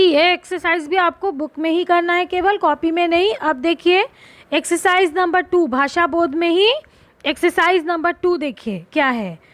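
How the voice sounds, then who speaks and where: A woman teaches young children a grammar lesson at an unhurried pace. Her voice sits high, and she draws out single letters and words as she asks questions and answers them herself. The recording is dry, with no room sound. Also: fairly bright tone, no room sound. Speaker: primary school teacher.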